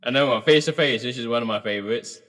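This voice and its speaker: A man's voice: medium pitch, quick pace, fairly bright tone, big-room sound. A man co-hosting a casual album review chat, laid-back, humming and singing bits of songs. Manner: laid-back, hums and sings song lines. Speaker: podcast co-host.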